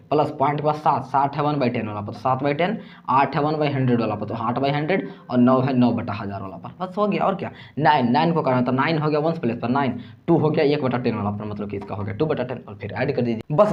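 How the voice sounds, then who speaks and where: Guy teaching math step by step, patient, mid pitch, kinda dull lo-fi audio. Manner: patient step-by-step explaining, checks in with listeners. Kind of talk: explaining a math lesson.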